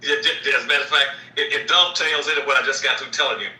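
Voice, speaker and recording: A man lectures with force and drives his points home by repeating them. His tone is sharp and bright. He sounds distant from the mic, in a roomy, echoing space. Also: medium pitch, fairly even intonation, racing. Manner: forceful, repeats key phrases. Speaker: guest. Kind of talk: emphatic lecturing.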